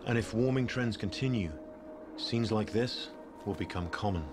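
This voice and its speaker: A man delivers scripted nature documentary narration in a measured, storytelling way. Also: fairly low pitch. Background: background music.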